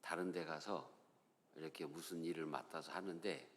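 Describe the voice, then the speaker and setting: A man's voice: very deep voice, steady tone, moderate pace, big-room sound. A male pastor with a Chungcheong accent, preaching a sermon in a folksy, storytelling way in a church. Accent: Chungcheong Korean. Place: church sanctuary.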